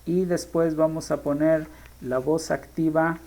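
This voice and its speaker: Slow, gravelly teacher. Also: mid-range voice, flat delivery, dark tone, poor audio. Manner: thinks aloud, stops often to correct themselves. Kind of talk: screen-share grammar lesson.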